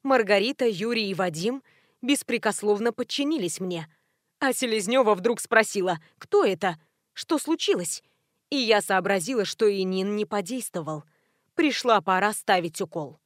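A woman narrating a novel in the first person with brisk, wry storytelling. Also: mid-range voice, dry recording, studio quality. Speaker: audiobook narrator.

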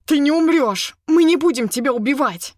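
A woman voicing a smug, menacing man who barks orders in an audiobook, a little higher than her own voice. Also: lively intonation, unhurried, dry recording, clean studio sound. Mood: shouting. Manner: barking, forceful.

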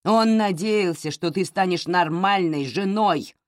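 A woman's voice: lowish voice, measured pace, no echo, voice pushed up, lightly acted. A woman voicing a stern, blunt older mother who scolds her grown daughter in a dry, curt way. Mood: scolding.

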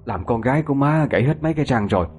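Brief: nagging old mother, man voicing, brisk and lively, Southern Vietnamese, audio ghost story. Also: mid-range voice, faint music behind, voice pushed up, close to an everyday voice. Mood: scolding. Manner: scolding, brisk. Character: bossy, scolding older mother and grandmother.

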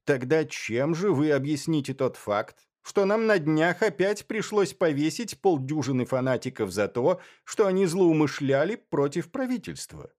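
A man's voice: on the high side, big pitch swings, moderate pace, few pauses, a little mellow, voice pushed up. A man voicing a cold, curt official. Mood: demanding. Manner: curt and demanding. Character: cold, brusque older male government official. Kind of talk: audiobook character voice.

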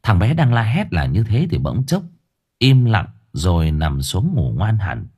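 A man narrating a ghost story in an expressive, lively storytelling manner. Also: fairly low pitch, unhurried, slightly rough. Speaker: audiobook narrator.

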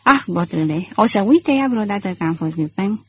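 Brief: earnest, brooding gentleman thief, read by a woman, husky timbre, storybook audiobook. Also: medium pitch, animated. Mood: tender, ardent. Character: gentleman thief, man, middle-aged, passionate and anxious.

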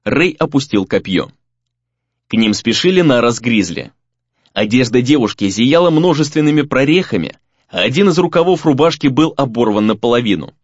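A man narrates an audiobook in an expressive storytelling style. His pitch rises and falls in a lively way. The recording is dry and dull, with a lo-fi sound. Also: no room sound. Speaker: audiobook reader. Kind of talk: scripted narration.

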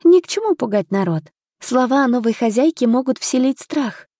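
A woman's voice: on the high side, expressive, moderate pace, dark tone, no echo, clean studio sound, voice pushed up. A woman reading an audiobook, voicing a determined, polite young noblewoman of twenty in a raised, earnest voice.

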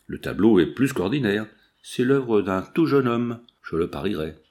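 A man reading the part of a cautious lawyer who questions in a measured, dry way. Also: on the low side, lively intonation, a little mellow, lightly acted. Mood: puzzled. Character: cautious male lawyer, calm and puzzled.

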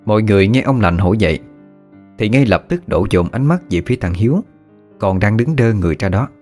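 Male storyteller, low register with animated pitch, dramatic ghost-story narration. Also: fairly quick. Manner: dramatic, hushed suspense. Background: faint music.

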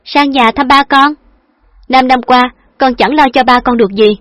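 A woman voicing a lively, affectionate young woman who is playful and teasing, with a chirpy, coaxing manner. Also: sits high, normal speed, dry recording, pitched above the performer's own voice. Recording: dull lo-fi dry recording.

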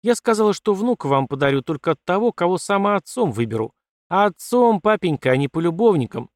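A man voicing a bold, quick-tongued young woman, a colonel's daughter, in a defiant, mocking manner in a dry recording. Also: high voice, big pitch swings, dry recording, pitched above the performer's own voice. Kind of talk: audiobook character voice.

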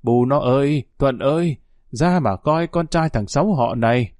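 A man's voice: mid-range voice, unhurried, a little mellow, no echo, clean studio sound, close to an everyday voice. A man voicing a poor, weary old man with a Northern Vietnamese accent, who talks in sighs and mournful tones. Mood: overjoyed. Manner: sighing, mournful talk.

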